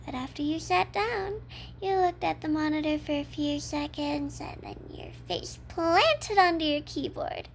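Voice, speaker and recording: Woman acting high-voiced yandere kidnapper, ASMR role-play. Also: expressive, measured pace, creaky, hardly any pauses, background noise, exaggerated voice. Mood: matter-of-fact, fond. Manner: matter-of-fact, coy, addresses the listener as captive. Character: cheerful obsessive female yandere kidnapper, casually unhinged.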